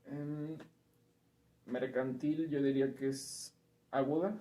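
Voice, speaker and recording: A man's voice: medium pitch, steady tone, slow, warm tone. Hesitant man answering from a distance. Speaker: learner answering questions. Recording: distant and echoey.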